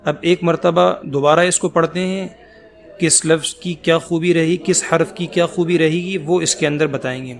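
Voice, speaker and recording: A man teaching Quran letter pronunciation, drawing out each letter slowly and explaining patiently between them. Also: fairly high pitch, steady tone, creaky. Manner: slow, drawn-out letter recitation.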